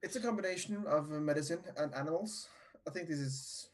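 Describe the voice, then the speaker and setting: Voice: mid-range voice, brisk. A tabletop game player talking casually, hesitant and full of fillers. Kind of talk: casual play.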